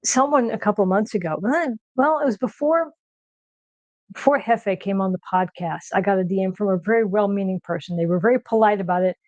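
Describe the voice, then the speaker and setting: A middle-aged American woman chatting casually on a home cooking stream. She talks quickly when excited and pauses to search for words. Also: medium pitch, no echo, highs cut off. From United States. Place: home kitchen.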